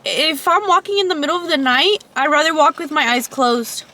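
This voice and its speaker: A woman's voice: sits high, expressive, brisk, bright, forceful tone. A young woman in casual chat, telling a scary story in a rambling way and correcting herself as she goes. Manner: rambling, restarts and corrects herself, laughs at her own telling. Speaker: co-host.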